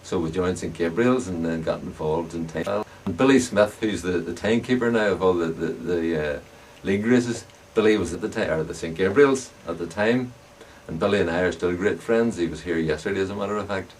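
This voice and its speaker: This older Northern Irish frame builder and longtime club racer, roughly 70 or over, speaks fairly quickly and with few pauses in a low voice. He reminisces casually in his Ulster accent as an interviewer questions him, recorded from a distance amid clear background noise.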